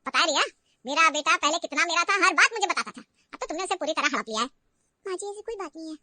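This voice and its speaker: A bossy middle-aged mother-in-law voiced by a woman throws sharp, nagging taunts in a cartoon. The voice sits high and comes quickly, recorded dry and close with no room sound. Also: animated, no echo, exaggerated voice. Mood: taunting. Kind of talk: cartoon voice acting.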